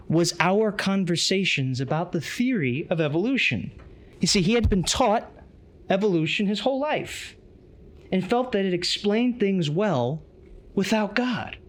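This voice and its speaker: Man, conference lecture, unhurried delivery, very animated intonation, earnest. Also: sits high. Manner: reads from a tablet, earnest and emphatic.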